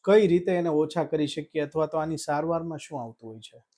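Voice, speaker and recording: A male interviewer puts questions to a doctor in a polite, deferential way. His voice is mellow and a little higher than most men's. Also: brisk. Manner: polite, deferential, calls the guest sir.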